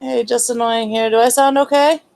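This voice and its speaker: A woman's voice: fairly high pitch, steady tone, moderate pace, creaky, a little mellow, poor audio. A woman hosting a casual late-night livestream, chatty and teasing, talking asides to her viewers. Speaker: livestream host.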